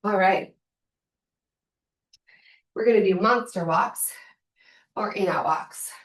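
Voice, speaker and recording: A woman's voice: mid-range voice, takes it slowly. A woman leading a casual workout class, counting reps and repeating short, encouraging cues. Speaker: fitness instructor leading a workout. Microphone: distant from the speaker. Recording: echoey room, distant microphone.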